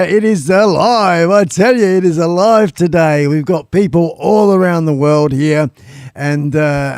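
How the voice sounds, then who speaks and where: Casting: male stream host, casual, slightly high pitch with noticeable fry, very dry recording. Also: darkish tone, no echo. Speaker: live stream show host. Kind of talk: casual live stream chat.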